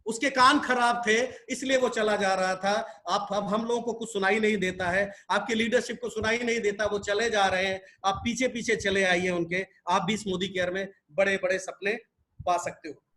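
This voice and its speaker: A man's voice: high voice, steady tone, moderate pace, bright, forceful tone, poor audio. A man in his fifties giving a motivational business seminar, emphatic and repeating phrases as he tells parables. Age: 50s.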